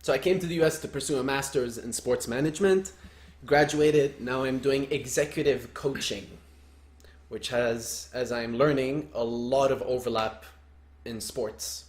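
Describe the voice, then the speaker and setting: A man's voice: mid-range voice, normal speed, echoey room. A young man from Lebanon who co-hosts a soccer coaching podcast, chatting casually with dry jokes.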